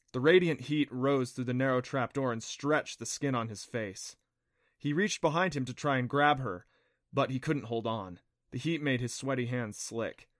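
A man narrating an adventure novel audiobook in a steady, even reading. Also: mid-range voice, dry recording, studio quality. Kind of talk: scripted narration.

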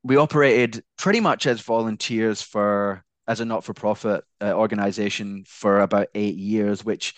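Low-pitched Scottish man, halting delivery. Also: fairly even intonation, no room sound. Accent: Scottish, softened. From Glasgow, Scotland. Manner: hesitant, halting, careful enunciation. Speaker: founder of a not-for-profit, interview guest. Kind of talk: conversational interview answers.

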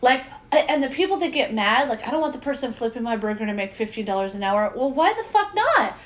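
A woman's voice: fairly high pitch, fast. A woman co-hosting a casual chat, joking and self-deprecating as she talks. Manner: jokey, animated, self-deprecating.

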